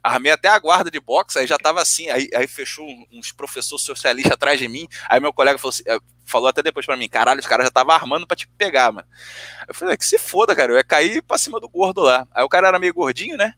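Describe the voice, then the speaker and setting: A young man telling a story in casual chat, swearing often and acting out the arguments with animated quoted dialogue. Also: on the high side, fast talker, no room sound. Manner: animated, profane storytelling, acts out both sides of arguments.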